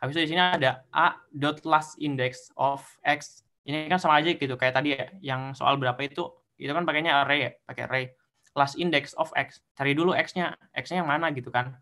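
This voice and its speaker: A man's voice: fairly high pitch, fairly even intonation, brisk, pushed and bright. A young man teaching assistant explaining code step by step in an online tutorial. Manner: explains step by step, counting through indexes.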